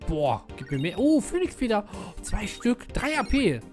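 Ein lässiger Mann kommentiert sein Spiel mit eher heller, stark auf und ab springender Stimme und wirkt dabei schnell begeistert. Im Hintergrund läuft leise Spielmusik. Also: male voice, high voice, moderate pace. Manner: casual, excitable. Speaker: let's player. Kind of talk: gameplay commentary. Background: game music.

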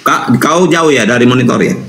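A man's voice: mid-range voice, moderate pace, fairly bright tone, slight background noise. A man in a live online debate who speaks with teasing, dismissive banter. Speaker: debate participant.

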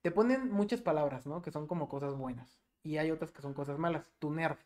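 Animated Mexican man telling a story. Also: fairly high pitch, a little fast. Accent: Mexican Spanish. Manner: animated storytelling, swearing freely. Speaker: podcast co-host. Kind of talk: casual chat.

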